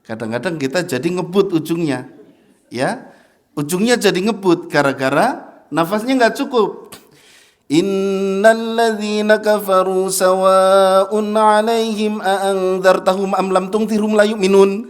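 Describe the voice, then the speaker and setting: Chatty ustadz, slightly high voice. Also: male voice. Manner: chatty, laughs often, chants verses slowly as examples. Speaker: ustadz teaching Quran recitation. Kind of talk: casual mosque lesson. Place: mosque.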